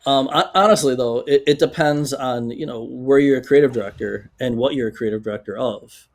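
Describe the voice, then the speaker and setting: A man's voice: mid-range voice, a little fast, darkish tone. A man from the San Francisco Bay Area, a creative director guest in a casual interview, with a dry sense of humor. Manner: dry humor, many fillers and restarts.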